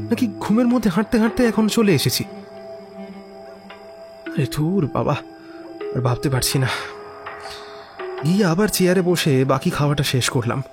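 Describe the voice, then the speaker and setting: A high-sitting male voice narrates a first-person horror story theatrically and expressively, tossing in musing asides and exclamations. Music plays in the background.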